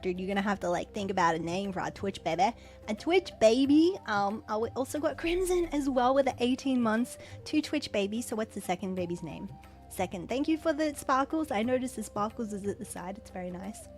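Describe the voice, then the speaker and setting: Woman, high voice, excitable live host, soft music behind. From Australia. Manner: excitable, rapid thanks, frequent stumbles. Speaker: livestream host. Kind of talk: casual livestream chat.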